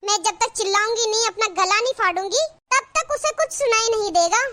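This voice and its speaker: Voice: very high voice, a little fast, pushed and bright, a little hiss or hum. A voice actor playing a sarcastic, complaining village mother-in-law in a cartoon. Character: nagging scolding village mother-in-law, middle-aged woman. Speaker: cartoon character. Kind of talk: cartoon voice acting.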